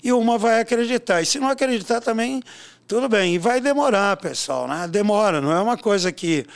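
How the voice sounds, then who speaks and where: Older man with a high, smooth voice. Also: fairly quick. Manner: animated storyteller, peppers talk with tag questions. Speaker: swimming coach and educator. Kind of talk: casual interview talk.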